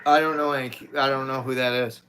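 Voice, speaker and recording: This middle-aged American live-stream host is a fast talker with a medium-pitched, steady tone, reading viewer comments in a blunt, casual way. Loud guitar plays behind him, with slight background noise too.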